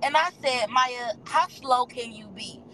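A young woman with a slightly high voice tells a story in a dramatic, animated way, often turning to the listeners with y'all. There is faint noise under the recording. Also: unhurried, rough recording. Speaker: guest. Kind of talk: casual storytelling chat.

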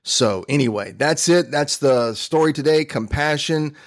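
A man's voice: fairly high pitch, a little slow. A man hosting a podcast, telling a motivational story in an earnest, conversational way. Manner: earnest, conversational, with fillers and restarts. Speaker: podcast host.

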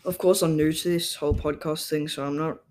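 A man's voice: a little high, little pitch movement, fairly quick, a little mellow. A young man, hosting a solo podcast in a rambling, casual monologue full of ums and likes, sometimes drifting away from his home microphone. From Australia. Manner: meandering, lots of ums and likes. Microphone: home microphone, sometimes turned away.

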